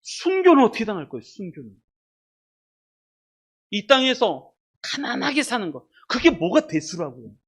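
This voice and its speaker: A pastor delivers a sermon with a lively, swooping voice. The delivery is dramatic, swinging from loud emphasis to near-whispered asides. The speaker repeats single words for weight and puts rhetorical questions straight to the congregation. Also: mid-range voice, moderate pace, slightly rough. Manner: addresses the congregation directly and asks rhetorical questions.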